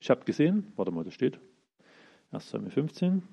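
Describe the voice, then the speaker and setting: Guy preaching casually, voice swings up and down a lot, kinda husky. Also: mid-range voice, a little fast. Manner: lively, acts out the characters' lines in everyday speech. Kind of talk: informal sermon retelling Bible stories.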